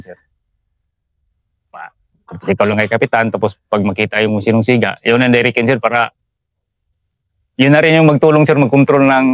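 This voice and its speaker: A Filipino man with a mid-pitched voice tells a field story as a guest in a casual interview. He acts out each exchange with lively bursts and says "sir" nearly every line. The sound is close and dry. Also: dry recording. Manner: peppers speech with "sir", acts out dialogue animatedly. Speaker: Special Forces sergeant, guest.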